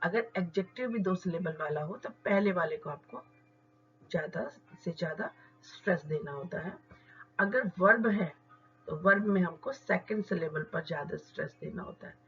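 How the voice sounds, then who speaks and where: A woman teaching English word stress, explaining step by step and modelling words slowly. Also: on the low side, lo-fi sound. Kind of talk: explanatory lesson.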